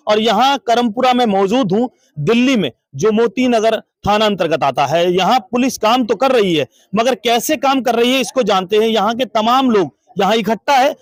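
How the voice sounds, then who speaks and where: A man's voice: high-pitched, normal speed, no room sound. A man reporting from a crowded street as a local news reporter, making urgent, dramatic appeals to viewers.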